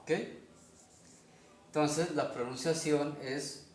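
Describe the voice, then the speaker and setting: A man with a Colombian Spanish accent teaching a language lesson, explaining slowly step by step and often checking in with his listeners. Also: a little high, fairly even intonation. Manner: slow, methodical, checks in with "¿ok?". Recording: echoey room.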